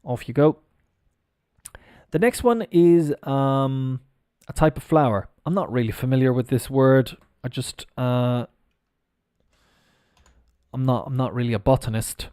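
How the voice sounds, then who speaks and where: A man's voice: medium pitch, unhurried, a little mellow, clean tone, no echo, clean studio sound. A man teaching English pronunciation on a live stream, spelling words out letter by letter and chatting casually as he goes.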